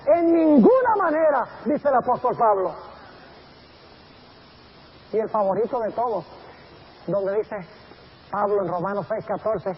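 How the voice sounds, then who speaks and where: Pastor preaching, really high voice for a guy, animated, dull lo-fi sound with faint hiss. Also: measured pace, long pauses, husky. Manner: animated, acts out quotes. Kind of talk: sermon.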